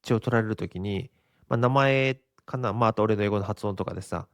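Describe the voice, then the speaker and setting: A man's voice: lowish voice, fairly quick, no echo, studio quality. A Japanese man in his forties hosting a casual solo podcast, rambling and chuckling often at his own expense. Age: 40s. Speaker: podcast host.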